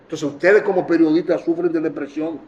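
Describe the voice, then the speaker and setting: A man's voice: fairly high pitch, fairly even intonation, a little mellow, slight background noise. Impassioned Dominican man, echoey room. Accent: Dominican Spanish. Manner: impassioned, storytelling, rapid bursts. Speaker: speaker addressing journalists. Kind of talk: emotional public talk. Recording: echoey room from far off, dull sound.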